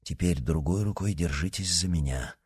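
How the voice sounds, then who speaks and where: A man voicing a dignified older nobleman who speaks softly and earnestly. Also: low voice, moderate pace, husky, voice pushed down. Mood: calm. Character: noble older count, gentle and merciful.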